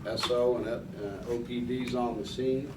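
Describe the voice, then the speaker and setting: A man with a mid-pitched voice runs a paramedic training scenario as instructor, prompting and explaining informally. The recording is distant and noisy, with room echo. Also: fairly even intonation, a little slow. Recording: echoey distant recording with clear noise.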